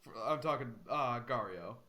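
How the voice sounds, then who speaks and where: A man's voice: medium pitch, lively intonation, normal speed, sharp tone. A man narrating as game master in a tabletop role-playing session, hesitant with many fillers.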